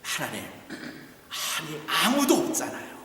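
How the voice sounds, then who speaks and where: A man's voice: sits high, very animated, normal speed, a bit bright, slight background noise. A male pastor acting out a man who makes excuses for his wrongdoing, in a pleading, whiny voice. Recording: echoey church hall from far off.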